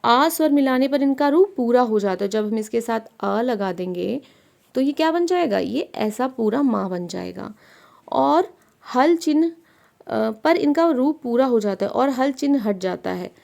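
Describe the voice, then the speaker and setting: A woman teaches a primary-school grammar lesson, her voice a little high and edged with gravel. She explains each point step by step and keeps asking her pupils questions before she answers them herself. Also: animated, unhurried, darkish tone.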